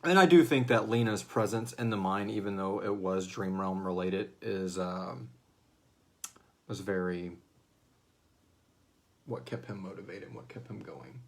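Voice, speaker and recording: In a casual, unscripted livestream, a man hosts a fan Q&A for a serial drama, rambling along with slangy, profane asides and hesitant wording. His voice is low with vocal fry, and he speaks at a measured pace, pausing often.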